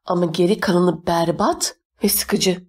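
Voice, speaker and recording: A woman's voice: fairly low pitch, fairly even intonation, a little slow, slightly rough. A woman voicing a bossy, spoiled young girl who talks down to everyone with a sneer in her words. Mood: scornful bossy. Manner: sneering, demanding.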